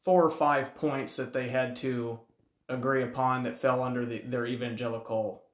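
A man's voice: mid-range voice, level tone, moderate pace. Questioning man in an echoey room. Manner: questioning, emphatic, puzzled. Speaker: podcast co-host. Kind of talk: casual podcast discussion.

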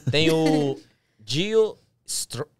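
A man's voice: fairly high pitch, expressive, drawn-out words, crowd noise. A man with a Carioca accent, co-hosting a podcast casually and reading viewer names from the chat. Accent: Carioca Brazilian Portuguese. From Rio de Janeiro, Brazil.

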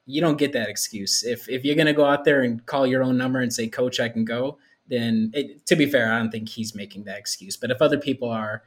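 A man's voice: mid-range voice, brisk, hardly any pauses. A man with a mid-range voice talks sport casually on a podcast. He is opinionated and slangy. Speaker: basketball podcast panelist.

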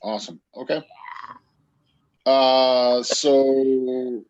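A man leads a tabletop game as its game master. He talks casually and agreeably at a medium pitch, on a slightly dull, lo-fi recording. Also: steady tone, very slow, darkish tone, dry recording. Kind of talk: casual game-running talk.

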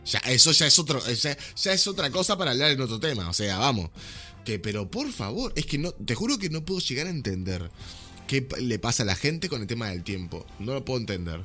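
A man's voice: medium pitch, very animated, brisk, sharp tone, soft background music. A young man with a Rioplatense Spanish accent, ranting animatedly in a casual podcast chat, full of slang. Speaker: podcast host.

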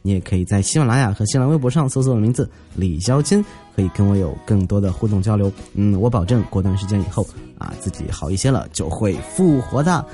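A man's voice: on the low side, expressive, mellow, soft background music. Jokey man telling comic stories. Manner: chatty, jokey, quick to act out quotes. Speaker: podcast host. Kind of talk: comic storytelling podcast.

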